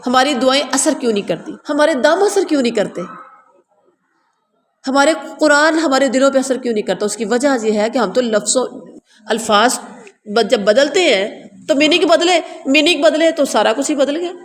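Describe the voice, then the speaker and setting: A woman teaching a word-by-word translation lesson to a class, explaining, repeating words and quizzing her listeners. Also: high voice. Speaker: Quran teacher. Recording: long reverb, faint ambient noise.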